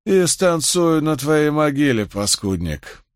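A man voicing a drunk, furious older male orphanage master who shouts and wheezes threats in an audiobook. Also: mid-range voice, very animated, measured pace, vocal fry, slightly rough, no echo, studio quality, full character voice.

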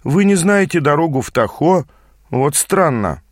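A man's voice: a little high, big pitch swings, measured pace, no echo, studio quality, voice pushed up. A man doing a lazy, cocky young man. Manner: drawling, insolent.

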